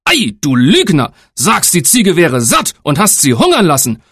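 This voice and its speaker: A man voicing a stern old father, a tailor quick to anger, gruff and scolding, in a storybook reading. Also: mid-range voice, wildly swooping pitch, a little mellow, dry recording, clean studio sound. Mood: angry.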